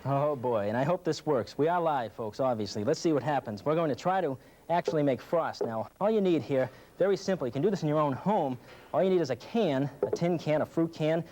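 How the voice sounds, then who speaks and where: Higher-pitched chatty TV weatherman. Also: lively intonation, brisk, darkish tone. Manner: informal, chatty patter. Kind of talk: live folksy demonstration and forecast. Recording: faint background noise.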